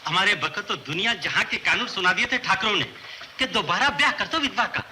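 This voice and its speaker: A man's voice: high voice, animated, brisk, pushed and bright, slight background noise, full character voice. An actor playing a bitter village man grumbling about old grievances in rustic speech.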